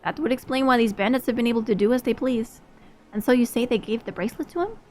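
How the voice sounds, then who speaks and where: A woman reading aloud a calm game companion explaining a plan, in a measured way. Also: fairly high pitch, close to an everyday voice. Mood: planning.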